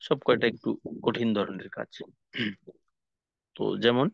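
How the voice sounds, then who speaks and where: Slow man teaching Quran letter sounds. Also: mid-range voice, creaky, no echo. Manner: slow, explains steps, then demonstrates sounds in repeated drills. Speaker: tajweed teacher. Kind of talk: recorded lesson on letter pronunciation. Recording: dull lo-fi sound.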